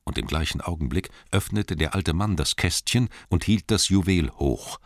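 Man reading a storybook out loud, low voice, lots of pitch movement. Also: normal speed, dry recording, studio quality. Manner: expressive storytelling. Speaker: narrator. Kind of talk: audiobook narration.

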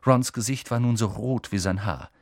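A man reading a children's novel aloud as an expressive audiobook narrator. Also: on the low side, moderate pace, gravelly, no room sound, clean studio sound. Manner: expressive, lively storytelling.

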